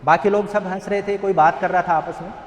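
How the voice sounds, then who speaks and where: A man's voice: high voice, steady tone, fairly quick, slight background noise. A man giving an earnest motivational talk at a rehab center, telling a parable and asking rhetorical questions. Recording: echoey hall.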